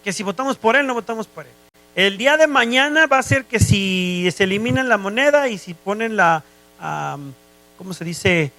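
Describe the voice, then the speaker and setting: High-voiced Mexican man preaching. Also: lively intonation, moderate pace, sharp tone. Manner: asks listeners if they follow, often. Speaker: guest preacher. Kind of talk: sermon.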